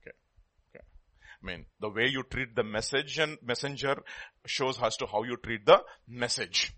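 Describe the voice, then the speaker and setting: A man's voice: mid-range voice, moderate pace, bright, forceful tone. A man with a South Indian Telugu accent preaching a sermon in a teacherly way, repeating key words for emphasis and putting questions to his listeners.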